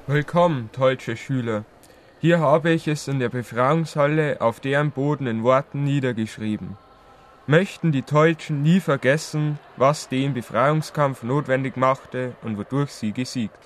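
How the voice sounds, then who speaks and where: A man's voice: mid-range voice, unhurried, natural voice. A man playing a grumpy, proud old king who grumbles pompously about the young in an educational audio drama. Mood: solemn, pompous.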